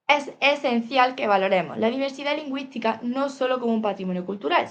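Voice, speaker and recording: A woman's voice: fairly high pitch, creaky. A woman with a Spain Spanish accent gives a lecture from slides, reading steadily and adding "eh" and "¿vale?" asides. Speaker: teacher presenting a topic.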